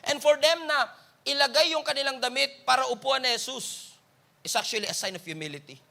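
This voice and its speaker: A male pastor with a Filipino accent preaches in a blend of Tagalog and English, his brisk, gravelly delivery swinging from loud exclamations to low, quiet lines.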